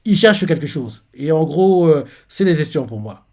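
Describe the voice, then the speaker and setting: A man casually recapping a manga chapter, rambling with many fillers and excited outbursts. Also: on the high side, normal speed. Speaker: reaction channel host.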